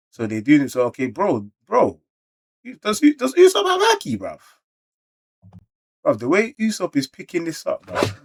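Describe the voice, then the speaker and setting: This male reaction creator has a London British accent and a slightly rough, medium-pitched voice. Reading through a manga casually, he's slangy and swings between excitable outbursts and muttered comments.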